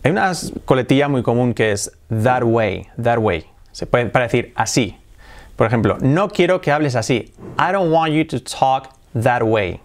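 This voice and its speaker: A man's voice: mid-range voice, expressive. Man teaching English. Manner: switches between Spanish and slow English examples. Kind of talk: bilingual English lesson.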